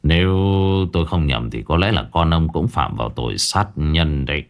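A man doing a grave old exorcist, slow and deep. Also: lively intonation. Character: stern old male exorcist master, calm and grave.

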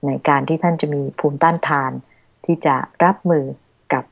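A middle-aged woman hosting a Buddhist radio talk show, speaking politely and gently. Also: deep voice, steady tone, normal speed, no room sound. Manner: polite, gentle, deferential to the monk. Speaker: radio host. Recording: dry studio radio sound.

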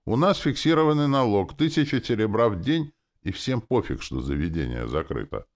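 A man voicing a gruff male orc who growls, grumbles and swears. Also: lowish voice, big pitch swings, normal speed, pitched above the performer's own voice. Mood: grumbling. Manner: growling, cursing.

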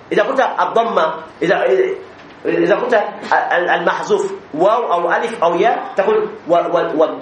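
A high-pitched man teaching a grammar class, explaining patiently step by step and pausing to ask if the students follow. His voice rings in an echoey room with faint background hum.

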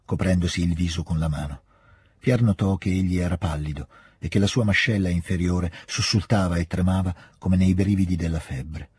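A man reading a classic novel aloud in a measured, expressive narration. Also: low voice, slightly rough, no room sound, clean studio sound. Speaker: audiobook reader. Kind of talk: literary audiobook narration.

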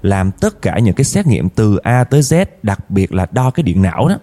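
Expressive male storyteller, warm dark tone. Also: on the low side, normal speed. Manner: addresses listeners directly, emotional retelling. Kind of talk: dramatic first-person story narration.

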